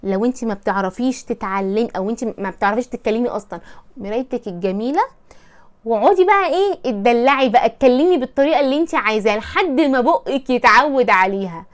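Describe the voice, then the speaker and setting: A woman with an Egyptian accent talks fast in a high voice, giving casual advice. She is chatty and keeps slipping into playful mock voices to act out small scenes. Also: animated. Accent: Egyptian Arabic. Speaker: advice presenter.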